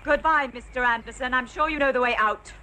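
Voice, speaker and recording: A woman's voice: sits high, a little fast, bright, forceful tone. An actress playing a possessive, hostile woman in a horror film, curt and stern. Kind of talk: film acting. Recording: noisy film soundtrack, outdoor birdsong.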